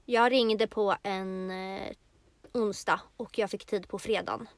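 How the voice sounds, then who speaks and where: A woman's voice: mid-range voice, fairly even intonation, no echo. A young woman from Sweden, co-hosting a podcast, earnestly and reflectively telling a personal story in casual chat. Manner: earnest, slow and reflective retelling. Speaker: podcast co-host.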